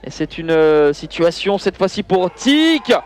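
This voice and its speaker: A man with a high-pitched voice calls handball highlights as a live commentator. His delivery is excitable and surges when the play heats up. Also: a little slow, faint music behind. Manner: excitable, voice surging on big plays. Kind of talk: live sports commentary over match highlights.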